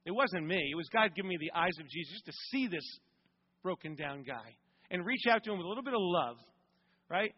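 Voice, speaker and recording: A man's voice: high-pitched, animated, a little fast, slightly rough. A male pastor telling a story in a sermon, building to emphatic, rising questions. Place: church sanctuary. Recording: dull recording with long hall reverb.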